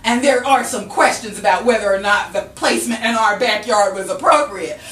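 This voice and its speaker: A woman telling a comic story live, laughing through it and going shrill when she quotes herself. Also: brisk, fairly bright tone. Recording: roomy, distant mic with noise.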